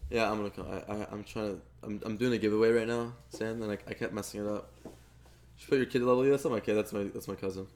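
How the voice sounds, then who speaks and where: A man's voice: fairly low pitch, fairly even intonation, fast talker, a little mellow. A young man live-streaming a game, chatting casually with his viewers and stumbling over repeated words. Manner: stammers and repeats words, talks to chat while playing.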